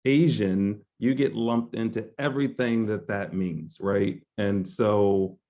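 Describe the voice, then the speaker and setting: Male moderator with a gravelly, low voice. Halting and reflective, many restarts. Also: dark tone. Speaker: panel moderator. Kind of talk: panel discussion on a video call.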